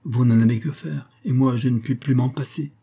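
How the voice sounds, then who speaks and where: Guy putting on an obsessed violinist, pleading, raised voice, husky dark tone, storybook reading. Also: medium pitch, fairly even intonation, normal speed. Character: mad middle-aged male violinist, pleading, obsessed.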